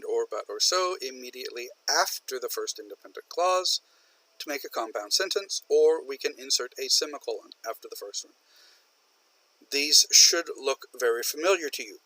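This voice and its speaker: Guy giving a grammar lecture, bright clear voice, super dry close sound. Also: mid-range voice, no room sound, poor audio. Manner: patient, stresses and repeats example sentences. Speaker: university English lecturer. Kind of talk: recorded online lecture.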